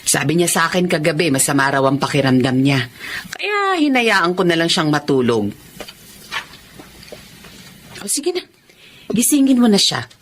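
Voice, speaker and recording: A woman playing a lively-voiced mother. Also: sits low, normal speed, a little hiss or hum. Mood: gentle. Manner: motherly, turns to frantic wailing. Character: mother of a grown family, widowed suddenly. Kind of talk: Filipino radio drama acting. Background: background music.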